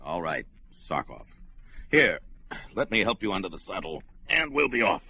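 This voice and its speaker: Conan, a gruff barbarian warrior. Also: male voice, deep voice, big pitch swings, normal speed, bright, forceful tone, a little hiss or hum, exaggerated voice. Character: brash barbarian warrior hero, blunt and fearless. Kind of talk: old-time radio drama acting. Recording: dull old radio recording with music score.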